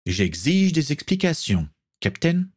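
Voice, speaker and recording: An indignant young man raising his voice in protest, voiced by a man. His pitch climbs sharply when he is upset. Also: sing-song, measured pace, a little mellow.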